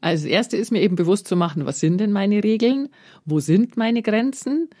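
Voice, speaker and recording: A woman, a parenting expert guest in a radio interview, explaining calmly and acting out what parents say. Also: mid-range voice, fairly quick. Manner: calm, explanatory, acts out parent quotes.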